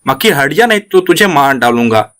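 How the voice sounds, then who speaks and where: A man reads out the lines of a proud jungle king in a children's storybook. The male lion is quick to anger and makes gruff threats. The voice sits a little on the high side. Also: big pitch swings, a bit bright. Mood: angry. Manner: gruff threats, later weary surrender.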